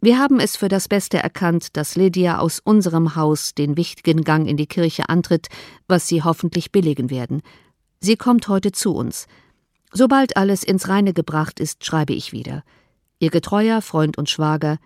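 A woman narrating an audiobook of a classic novel in a steady, clear reading voice. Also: fairly low pitch, moderate pace, dry recording, studio quality.

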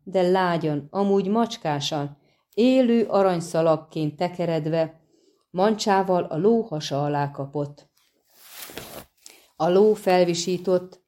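Low, mellow woman narrating a story. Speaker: audiobook narrator. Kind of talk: scripted narration.

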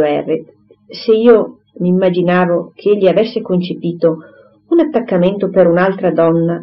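A reader voicing a composed, clever young gentlewoman who speaks in a measured, earnest way in an audiobook. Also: mid-range voice, close to an everyday voice. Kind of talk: audiobook character reading. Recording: slightly dull recording, faint hiss.

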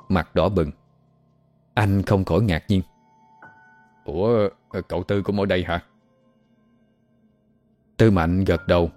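A male storyteller reading a ghost story in a calm, steady way. His voice sits low and mellow over soft guitar music. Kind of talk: scripted ghost story narration.

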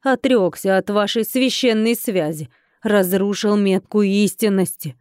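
Woman reader doing a weepy, fussing middle-aged innkeeper, mellow low voice, dry close sound, for a fantasy audiobook. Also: a little slow, smooth, dry recording, lightly acted. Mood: lamenting.

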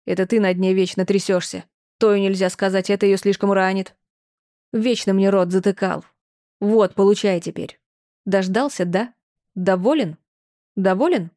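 A distraught mother in an audiobook, wailing reproaches and then snapping out short, hard commands, as a female reader puts her on. The tone stays mellow, not bright, even at its sharpest. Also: medium pitch, normal speed, lightly acted. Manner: lamenting, reproachful, clipped orders. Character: older mother, shrill, wailing, then stern.

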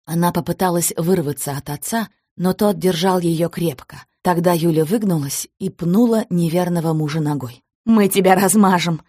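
Husky woman narrating a crime novel. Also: fairly low pitch, mellow, no echo, clean studio sound. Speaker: audiobook narrator. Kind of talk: scripted narration.

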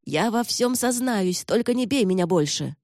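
A woman's voice: lowish voice, lively intonation, fairly quick, mellow, no echo, studio quality, close to an everyday voice. A woman voicing a captured young male thief who begs and bargains in a whiny voice. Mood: pleading. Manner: whiny, begging.

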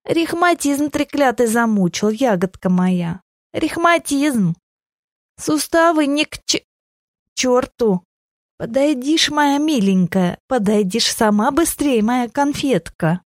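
Woman reading as a scheming old crone, quavering, high, slow, wheedling, lamenting, storybook. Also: expressive, dry recording, clean studio sound. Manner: wheedling, lamenting, sugary endearments. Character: hunched old crone, fawning and sly, maybe a witch.

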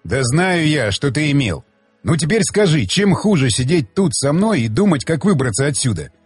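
A man's voice: a little high, very animated, normal speed, husky, no echo, faint music behind, full character voice. A male audiobook reader voicing a blunt, mocking male companion who lectures like a patient mentor. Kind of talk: audiobook dialogue reading.

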